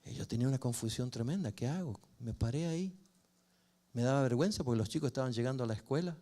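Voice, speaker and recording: An older man speaks, a pastor and family counselor sharing his own story from the pulpit. His voice sits in an ordinary middle pitch and swells and drops as the story moves. The telling is warm in pace and expressive throughout. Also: fast talker. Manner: storytelling, expressive, rises and falls with emotion. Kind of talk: personal testimony sermon.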